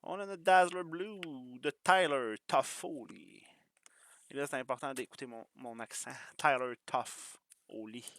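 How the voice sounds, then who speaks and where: A man's voice: a little high, fairly bright tone. A man with a Quebec French accent hosting a live hockey card break, reading out cards and joking with viewers. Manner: quick, joking, chatty with viewers.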